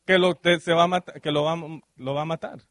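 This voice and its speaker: A fairly high-pitched, slightly bright male voice with a steady tone, recorded dry. He's a minister preaching at a church service, constantly checking in with the congregation through quick "ok?" prompts and questions, and slipping English fillers into his Spanish.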